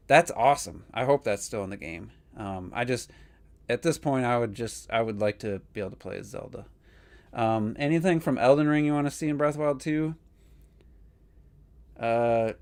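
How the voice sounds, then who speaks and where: A man co-hosting a gaming podcast, chatting casually and opinionatedly, rambling with lots of fillers. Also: mid-range voice. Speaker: podcast co-host.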